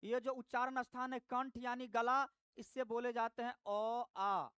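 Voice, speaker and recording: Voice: medium pitch, level tone, unhurried, a bit bright, smooth, no echo. A teacher giving a live online lesson, patiently repeating each point and addressing the students directly. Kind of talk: live online class, explaining grammar.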